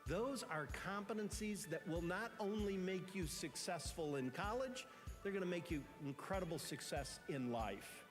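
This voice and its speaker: A man giving a formal welcome address as a university leader, speaking in a warm, encouraging manner. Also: high-pitched, lively intonation, moderate pace. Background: music.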